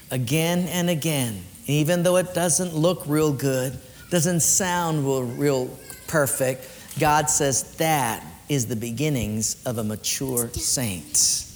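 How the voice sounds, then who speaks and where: A man preaching a sermon as a pastor, swinging from loud raised lines down to quiet low ones. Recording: long hall reverb, faint room noise.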